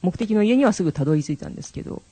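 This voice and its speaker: Male co-host with a husky, dry, close sound and a fairly high voice; tells stories and acts out the quotes. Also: animated, racing, dark tone, dry recording. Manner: storytelling with acted-out quotes. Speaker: podcast co-host. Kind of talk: casual chat.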